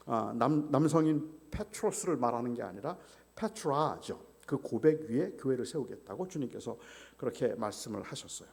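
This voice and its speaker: A male pastor giving an animated sermon, telling the story vividly and acting out the voices of its figures. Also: mid-range voice, normal speed, vocal fry, hardly any pauses, long reverb tail. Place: church sanctuary.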